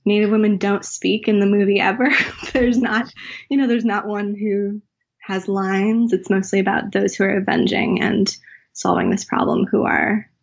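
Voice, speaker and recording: In a dull lo-fi recording, the US writer and teacher speaks at normal speed in a gravelly, medium-pitched voice with fairly even intonation. Her interview answers are reflective and searching, marked by filler and restarts.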